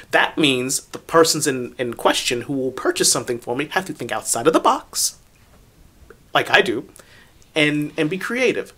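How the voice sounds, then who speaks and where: A man in his forties co-hosting a podcast, loud and emphatic, swearing and laughing in casual chat. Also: a little high. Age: 40s. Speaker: podcast co-host.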